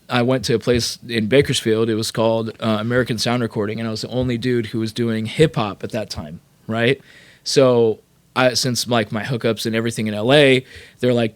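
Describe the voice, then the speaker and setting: A man from California, a rapper and producer, telling his career story as a podcast guest in a loose, animated way full of fillers and swearing. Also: mid-range voice. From Sacramento, California. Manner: animated, profane, lots of fillers. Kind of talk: casual storytelling.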